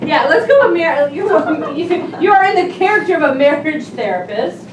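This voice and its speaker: High-voiced woman hosting an improv show. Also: very animated, normal speed. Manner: chatty, laughing, coaxing the audience. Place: small theater stage. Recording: far, echoey room with crowd noise.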